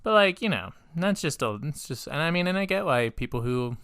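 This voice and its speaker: A man's voice: on the high side, animated, a little fast, fairly bright tone, smooth, dry recording, studio quality. A man co-hosting a podcast in casual chat, rambling with lots of fillers, casual swearing and frequent laughs. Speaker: podcast co-host.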